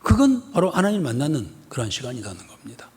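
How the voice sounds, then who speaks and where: A local male pastor with a mid-range, husky voice gives an animated expository sermon at a quick pace in a church sanctuary with long reverb. He keeps throwing rhetorical questions at the congregation and acts out scenes, including a scolding mother.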